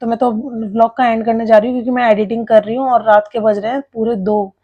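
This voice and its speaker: A woman's voice: fairly high pitch, steady tone, fast talker, narrow, tinny audio. A young woman from India narrating her family vlog in a chatty, rambling, confiding way, sleepy late at night. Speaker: vlogger.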